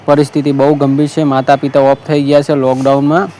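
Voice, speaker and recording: In a casual monologue appeal for a marriage bureau, a man with a Gujarati accent recounts a story earnestly and repetitively, quoting those who phoned him. He talks briskly in a medium-pitched, level, mellow voice.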